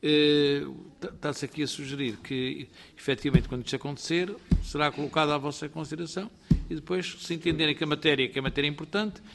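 A man's voice: on the high side, fairly even intonation, creaky, very noisy. A man with a European Portuguese accent chairing a parliamentary committee in a formal, procedural way. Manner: formal, procedural, reads rules aloud haltingly.

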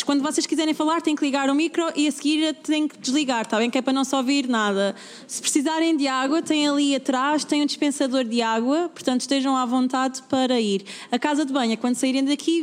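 A high-pitched woman in her thirties with a European Portuguese accent runs a parliamentary committee session, friendly and practical with plenty of fillers. Her voice carries a long reverb, as in a large chamber. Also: fast talker. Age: 30s. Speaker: committee chair, young MP. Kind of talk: chairing a formal session.

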